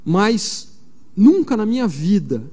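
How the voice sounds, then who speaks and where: Mellow-voiced preacher in an echoing church. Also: male voice, high voice, very animated, takes it slowly, husky. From São Paulo, Brazil. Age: 40s. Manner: conversational storytelling with frequent fillers. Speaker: missionary preacher. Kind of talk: conference sermon. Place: large church. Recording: long reverb of a large church hall.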